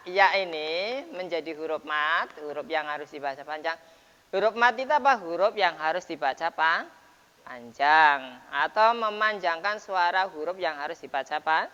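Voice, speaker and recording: A man teaching the rules of Quran recitation in a relaxed lesson, explaining step by step with frequent checks and fillers. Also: fairly high pitch, smooth. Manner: explains patiently with many repeated checks and fillers. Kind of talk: informal tajwid lesson. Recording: dull lo-fi sound, long reverb.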